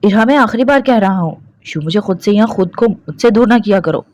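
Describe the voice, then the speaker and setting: A woman's voice: medium pitch, animated, a little fast, a little mellow, voice pushed up, natural voice. A possessive young husband who snaps orders and silences every objection, voiced by a woman narrator. His lines come out harsh and commanding.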